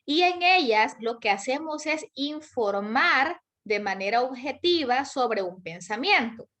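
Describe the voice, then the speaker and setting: High-voiced woman teaching an online class. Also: animated, unhurried, pushed and bright. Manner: explains plainly with many spoken examples and questions to students.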